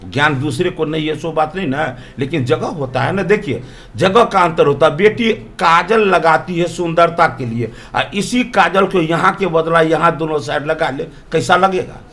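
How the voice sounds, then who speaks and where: A man's voice: a little high, moderate pace, fairly bright tone. A man, a politician from Bihar, answering interview questions in an emphatic, argumentative way full of rhetorical questions.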